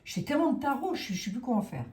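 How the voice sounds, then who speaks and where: A woman's voice: on the high side, sing-song, fast, mellow, roomy sound. A woman with a Lorraine French accent doing a casual tarot reading, musing aloud and hesitating with many fillers. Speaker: tarot reader.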